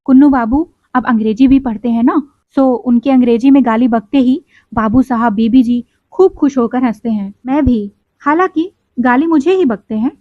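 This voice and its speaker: A woman's voice: fairly high pitch, normal speed, no echo. A woman narrating a story in the first person as a boy, giving voice to the other characters. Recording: tinny, phone-like, dry sound.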